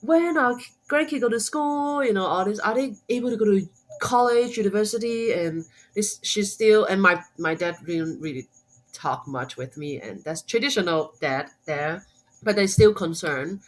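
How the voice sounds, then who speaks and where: A woman with a mid-range, expressive voice speaks at a normal speed on a low-quality recording. She is from Hong Kong, a homeschooling mom and blogger appearing as a guest on a podcast interview. Cantonese is her first language, and her Hong Kong-accented English is full of fillers and restarts.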